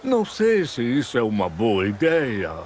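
An actor playing an anxious, nagging circus companion in a dubbed video game. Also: male voice, mid-range voice, huge pitch swings, a little slow, a little hiss or hum. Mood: worried, pleading.

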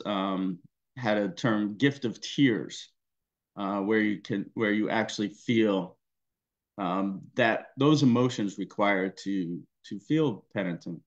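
A male pastor giving a personal testimony in a worship service, in a conversational, halting way with many fillers. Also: on the low side, highs cut off.

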